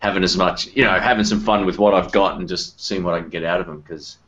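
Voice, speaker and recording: A man's voice: low-pitched, fairly even intonation, quick pace, a bit bright. A man hosting a casual chat about guitar pedals over an online group call. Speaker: host of a live guitar-pedal video chat. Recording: dull, lo-fi online call audio.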